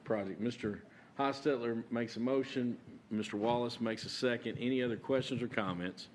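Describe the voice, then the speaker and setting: Halting man chairing a meeting. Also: medium pitch, a little hiss or hum. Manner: halting, with many filler "uh"s and restarts. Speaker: county judge chairing a fiscal court meeting. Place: county meeting chamber.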